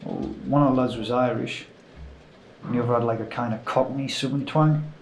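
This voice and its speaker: An actor playing a witness who recounts a kidnapping in a hesitant, casual way. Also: male voice, mid-range voice, fairly even intonation, fairly quick, reverberant, slight background noise, natural voice, poor audio. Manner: hesitant, casual, filler-heavy.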